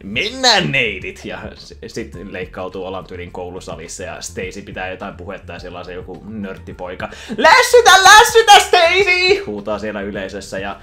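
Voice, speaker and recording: A man casually retelling a cartoon film from memory, animated and quick to slip into voices. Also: sits low. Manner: animated, breaks into voices and laughter. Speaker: YouTuber.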